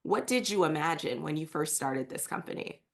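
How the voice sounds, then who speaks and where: A woman hosting a podcast interview with a slightly low voice. She asks curious, friendly questions in a relaxed conversational way. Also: moderate pace, vocal fry. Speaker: podcast host.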